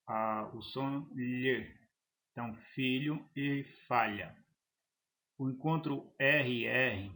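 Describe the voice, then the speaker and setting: A man teaching a grammar lesson, halting and restarting phrases as he explains examples. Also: mid-range voice, fairly bright tone. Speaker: Portuguese teacher.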